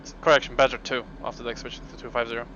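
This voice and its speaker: Pilot on the radio, brisk and matter-of-fact, muffled with heavy static. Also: male voice, mid-range voice, flat delivery, a bit bright. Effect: over a radio. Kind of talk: radio procedure calls.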